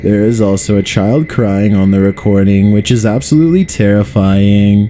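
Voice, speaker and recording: A man narrating a paranormal countdown video, reading a script at a measured pace and posing spooky questions. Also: fairly low pitch, noisy background.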